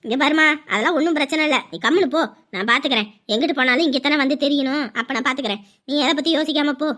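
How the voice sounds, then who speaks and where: An actress playing a stubborn young wife who answers in short, firm, low replies in a family drama. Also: female voice, rapid-fire, a bit bright. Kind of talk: village family drama acting.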